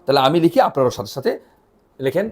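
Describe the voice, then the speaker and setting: A man teaching an online language lesson, spelling out letters one by one and drilling their sounds, often asking questions and answering them himself. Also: mid-range voice. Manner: animated, spells letters out slowly with repeated drills.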